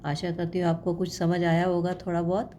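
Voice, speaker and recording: A woman with a low, mellow voice teaches in an unhurried way, drawing out each sound with care. She pauses often to ask the viewer questions. A faint hiss sits under her voice. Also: monotone. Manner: patient, repeats sounds slowly and asks the viewer questions. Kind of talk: explanatory lesson.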